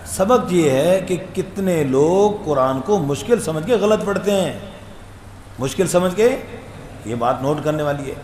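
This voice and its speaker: A man teaching Quran recitation, his voice sitting a little high for a man. He talks conversationally and draws each letter out in long sung demonstrations. The sound is echoey, with a faint hum underneath. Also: lively intonation, a little mellow. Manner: tells anecdotes with humor.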